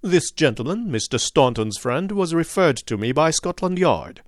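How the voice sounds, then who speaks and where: A man voicing Sherlock Holmes as a calm, incisive detective with a measured, dryly ironic manner. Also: a little high, dry recording, clean studio sound, lightly acted.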